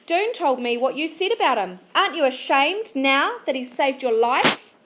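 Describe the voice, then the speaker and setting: A woman's voice: sits high, sing-song, moderate pace, background noise, pitched above the performer's own voice. A woman reading the part of a stern girl who scolds a boy firmly. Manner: firm, insistent.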